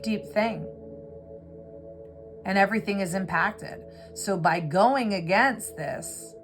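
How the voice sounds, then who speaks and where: A woman giving an earnest, reflective tarot reading, pausing often with fillers, over a music bed. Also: medium pitch, fairly bright tone. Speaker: tarot reader. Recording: clear music bed behind voice. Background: background music.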